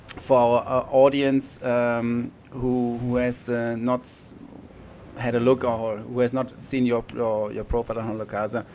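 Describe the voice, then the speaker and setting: Male host, mid pitch, halting questions with fillers. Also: darkish tone, slight background noise. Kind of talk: interview hosting.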